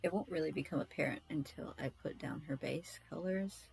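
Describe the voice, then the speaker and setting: A woman's voice: low-pitched, fairly quick, creaky, a little mellow, breathy edge, poor audio. A woman chatting casually while she draws, rambling, scattered and self-deprecating, often muttering to herself. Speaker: artist streaming a drawing session.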